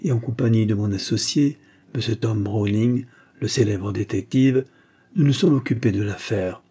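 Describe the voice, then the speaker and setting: A man's voice: fairly low pitch, normal speed, dark tone, breathy edge. A man voicing a boastful, cheeky Gascon private detective who talks with cocky self-assurance. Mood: assured.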